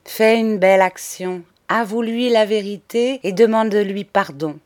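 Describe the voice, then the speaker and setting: A woman voicing a gentle, patient young blind woman who advises kindly. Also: medium pitch, measured pace, lightly acted. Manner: soft, kind, admonishing.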